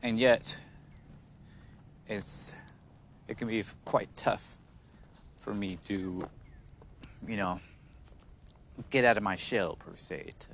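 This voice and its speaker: Faint noise sits behind a man with a fairly low voice. He talks casually and reflectively, like a solo podcast host thinking aloud. His delivery is halting and hesitant, and his r's come out as w's. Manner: says w for r, soft r sounds; hesitant, halting, with frequent chuckles. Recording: noticeable background noise.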